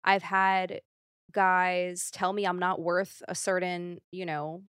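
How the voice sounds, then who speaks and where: A woman's voice: lowish voice, little pitch movement, slow, a bit bright, smooth, dry recording, studio quality. A young woman talking candidly as a podcast guest, rambling with lots of fillers and the odd nervous laugh. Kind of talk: casual podcast conversation.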